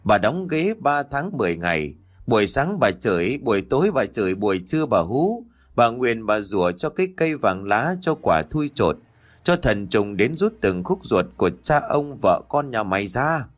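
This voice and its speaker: A man's voice: big pitch swings, normal speed, natural voice. A man voicing a foul-mouthed old village woman who rants curses at her neighbors over a stolen hen, over faint background music. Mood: furious cursing. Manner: shrill, spiteful ranting curses.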